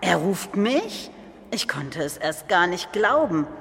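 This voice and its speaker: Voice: medium pitch, takes it slowly, gravelly, exaggerated voice. Bartimäus, a humble blind beggar, as someone acts him out. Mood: earnest. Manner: earnest, calm storytelling. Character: blind male beggar from Jericho, humble and grateful. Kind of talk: first-person biblical monologue. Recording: long hall reverb.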